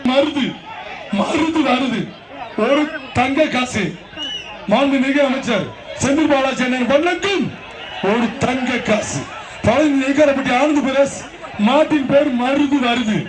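High-pitched man announcing through a megaphone. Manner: loud, rapid calls, repeating phrases. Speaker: event announcer. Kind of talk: live bull-taming commentary. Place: outdoor bull-taming arena with crowd. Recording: echoing loudspeaker outdoors, crowd noise.

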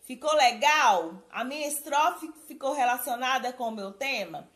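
A woman from Brazil, a primary school teacher, giving a recorded lesson to children in a slow, careful, sing-song way. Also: high voice, a bit bright.

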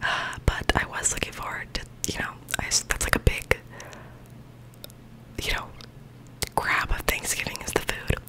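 A woman's voice: moderate pace, long pauses, low-quality recording. Young girl, adult, doing asmr, intimate whisper right on the mic, rambly casual chat. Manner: rambling, informal, full of "like". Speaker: ASMR creator. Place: small bedroom, indoors. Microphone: large microphone with foam cover, very close.

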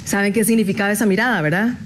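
A woman's voice: mid-range voice, racing, heavy background noise. A young woman, performing a chatty stand-up comedy monologue on stage and acting out the people she quotes. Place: stage before a live audience.

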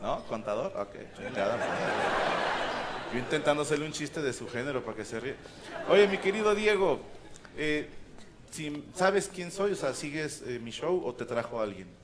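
A man's voice: on the high side, lively intonation, moderate pace. A man with a Mexican accent doing crude, teasing crowd work as a stand-up comedian in a theater. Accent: Mexican Spanish. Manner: teasing, crude banter with the audience. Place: large theater with live audience. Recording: live show with loud crowd and noise.

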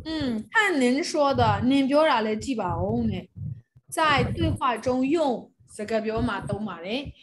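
Lady teacher going over phrases for the class, kinda high voice, noisy call audio. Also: animated, a little slow. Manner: explains phrases and calls on students to read. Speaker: Chinese teacher. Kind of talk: classroom instruction.

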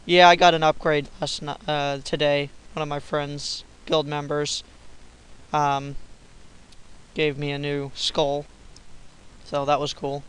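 A young man narrating his gameplay in a slow, easygoing drawl that keeps sliding into profanity and sudden yelps. His voice sits a bit high and sounds smooth and clean. He talks like a goofy gamer chatting to his viewers. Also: monotone, rough recording. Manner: swearing, silly, bursts of yelling. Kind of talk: casual gameplay commentary.

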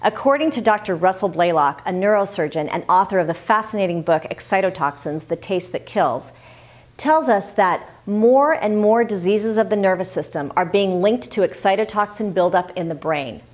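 A woman's voice: medium pitch, expressive, moderate pace. A woman hosting a health tips video, speaking to camera in an emphatic, scripted style full of rhetorical questions.

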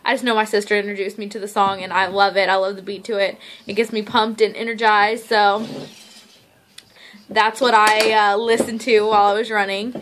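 A woman's voice: mid-range voice, little pitch movement, moderate pace, a bit bright. A young woman chatting casually to the camera as a vlogger, in an informal, easily sidetracked way. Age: young adult. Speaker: vlogger giving daily fitness updates. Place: living room at home, on a couch. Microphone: camera or phone at arm's length. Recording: noisy home phone-style recording, clicks. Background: noise, small child playing nearby.

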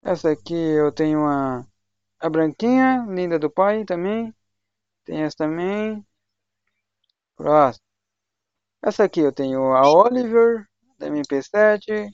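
Animated yet slow with long pauses, a young Brazilian streamer chats in slang with voice chat while gaming. His slightly high voice is darkish and smooth, captured dry on a dull, lo-fi home stream mic.

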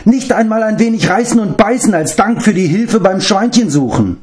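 A man's voice: high voice, expressive, normal speed, a little mellow, pitched above the performer's own voice. A man reading an audiobook, voicing a servile, self-pitying male beast-man who whines and speaks of himself in the third person. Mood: whining.

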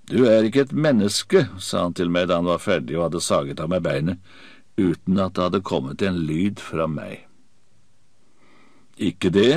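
Deep-voiced male audiobook narrator. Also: creaky, a little mellow, dry recording, studio quality. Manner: vivid, dramatic reading. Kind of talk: first-person audiobook narration.

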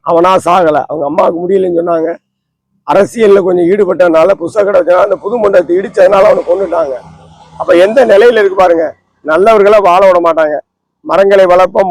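Holy man, high-pitched man, lamenting and preachy, dry close sound. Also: dry recording, rough recording. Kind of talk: impassioned talk. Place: outdoors under a tree.

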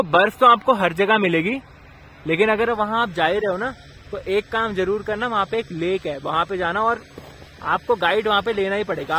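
Filming outdoors on a handheld camera, a young man vlogs along a mountain trail and chats with his viewers, addressing them as bhai, meaning brother. He has a high, sharp voice, and there's slight background noise.

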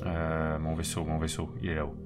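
A man's voice: extremely low pitch, completely flat delivery, a little fast. A man hosting a let's play, chatting casually and jokingly as he thinks aloud through the game. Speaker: gaming video host. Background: game music.

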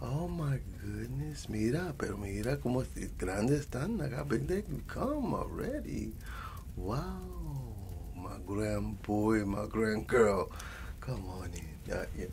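A man soft-voicedly portrays a tender, doting grandfather with a Latin American Spanish accent, rambling through a bedtime story in an ASMR roleplay. He repeats endearments and switches back and forth between Spanish and English. Expressive and unhurried, his voice is on the low side, and a little hiss or hum can be heard.

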